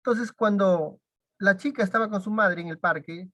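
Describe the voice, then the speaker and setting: A woman, teaching at a church discipleship class and retelling a story full of quoted dialogue, with halting restarts. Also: medium pitch, a bit bright, dry recording. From Peru. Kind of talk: sermon storytelling.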